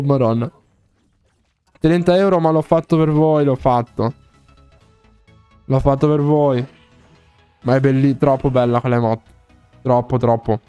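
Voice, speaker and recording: A man streaming a game live, chatting casually with viewers, excitable and playfully pleading, often laughing. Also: on the high side, clean tone.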